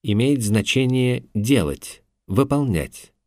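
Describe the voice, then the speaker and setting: A man narrating a language lesson in a measured, instructive way, recorded on a close studio mic. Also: mid-range voice, animated, a little mellow, dry recording.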